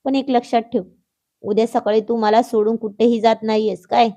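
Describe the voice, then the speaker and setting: A playful adult husband teasing his wife with mock-stern, bossy lines, as a woman narrator voices him. The voice stays mellow and warm, with a slightly high pitch for a man. It has the feel of a read-aloud family storybook. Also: flat delivery, normal speed, close to an everyday voice. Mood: hushed threat. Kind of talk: acted dialogue in a read story.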